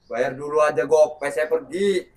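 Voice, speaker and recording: A man's voice: a little high, normal speed, close to an everyday voice. A man acting as a stubborn street thug demanding protection money in an amateur skit, talking in an insistent, pushy way. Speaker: actor in a skit.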